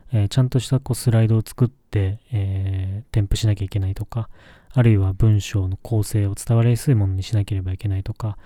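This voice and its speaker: A man's voice: fairly low pitch, warm tone, no echo, clean studio sound. A man hosting his own solo podcast, speaking politely and with many hesitant fillers. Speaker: podcast host.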